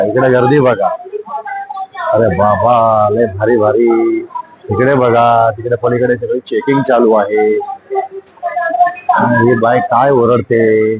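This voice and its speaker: A man's voice: mid-range voice, steady tone, slow pace, pauses often, loud music behind the voice, low-quality recording. A man chatting casually to viewers as he vlogs from a busy airport terminal on his phone. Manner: chatty, addresses viewers as brothers and friends. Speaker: vlogger. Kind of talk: casual vlog to camera.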